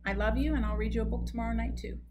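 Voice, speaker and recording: A woman reading a picture book aloud to children at bedtime, pausing to explain the story gently. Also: fairly high pitch, fairly even intonation, background noise.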